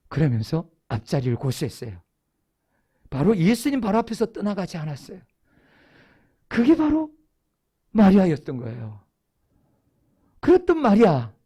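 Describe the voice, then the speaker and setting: A preacher in a church sanctuary, giving a Sunday sermon. The voice sits at a middle pitch but swings widely up and down. The preacher keeps asking the congregation questions and then answers them in a storytelling way. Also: dark tone.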